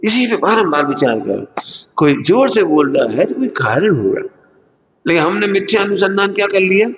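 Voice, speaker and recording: A man's voice: high voice, normal speed. Man preaching in a reverberant hall. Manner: animated, full of rhetorical questions to listeners; acts out everyday quarrels in other voices. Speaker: religious teacher giving a discourse. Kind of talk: Hindi sermon to students. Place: large lecture hall at a school. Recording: long hall reverb, dull lo-fi sound.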